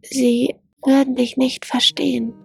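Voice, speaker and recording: A woman's voice: sits high, little pitch movement, a little slow, gravelly, voice pushed up, exaggerated voice. Woman playing a timid young gazelle fawn. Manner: hesitant, cautious questions.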